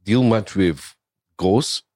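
A man's voice: fairly low pitch, slow pace, darkish tone, no echo, clean studio sound. A man with a Singaporean accent co-hosting a show in casual, chatty conversation. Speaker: talk show co-host. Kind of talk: casual chat.

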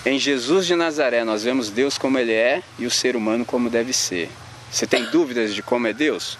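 Slangy, animated Brazilian youth preacher man. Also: mid-range voice, a little hiss or hum. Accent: Brazilian Portuguese. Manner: slangy, animated, acts out little scenes. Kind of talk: informal sermon to young people.

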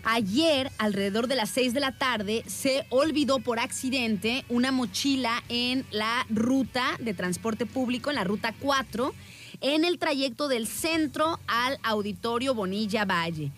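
A woman with a Mexican accent hosting a radio show, chatting casually and telling stories with lively mimicry. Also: on the high side, measured pace. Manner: lively storyteller, mimics voices, laughs a lot. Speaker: radio host.

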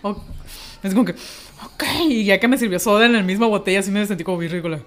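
A young woman with a Mexican accent talks in a relaxed, casual way at a middle pitch. She tells her anecdotes playfully and acts out what people said. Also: racing. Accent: Mexican Spanish. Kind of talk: casual chat.

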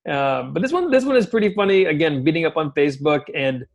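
A man's voice: a little high, lively intonation, fast talker, creaky, highs cut off. Easygoing podcast co-host, a man. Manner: easygoing, laughs often, many fillers. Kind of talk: casual chat.

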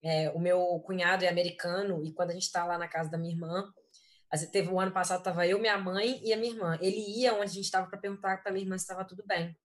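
A woman's voice: on the low side, steady tone, fast talker. A Brazilian woman co-hosting a casual live chat, speaking hesitantly with many fillers. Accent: Brazilian Portuguese.

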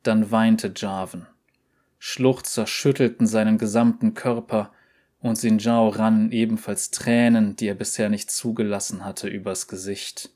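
Male narrator, audiobook, calm and even, lower voice. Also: measured pace.

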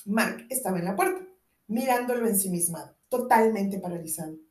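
A woman reads a novel aloud at a middle pitch, with expressive delivery. The room adds a clear, roomy echo to her voice. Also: a little fast, far from the mic. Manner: expressive reading with voiced dialogue. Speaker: narrator. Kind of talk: audiobook narration.

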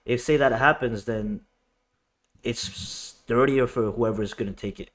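A young man in casual chat with friends, rambling through his points with many fillers. His voice is of middling pitch. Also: unhurried, fairly bright tone.

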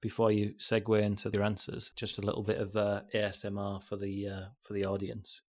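A man's voice: lowish voice, monotone, a little fast, a little hiss or hum. A man hosting a podcast, chatting in a laid-back way and swearing casually. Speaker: podcast host. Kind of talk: casual chat.

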